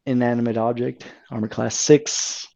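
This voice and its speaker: A man's voice: mid-range voice, fairly even intonation, a little slow, vocal fry, darkish tone. A man narrating as game master of a tabletop game, describing scenes with fillers and self-corrections.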